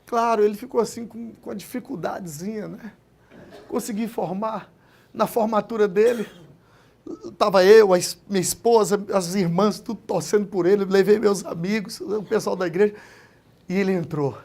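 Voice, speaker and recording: A man, a pastor, giving an emotional testimony sermon, speaking to his listeners as brothers and swinging from quiet storytelling to loud proclamations. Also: high voice, normal speed, gravelly. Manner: impassioned, addresses listeners as brothers.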